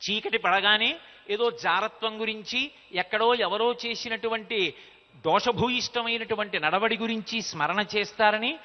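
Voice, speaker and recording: A man's voice: high-pitched, moderate pace. A man giving a devotional sermon, telling a story, reciting verses and acting out the dialogue. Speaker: spiritual discourse speaker. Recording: dull lo-fi audio with long hall reverb.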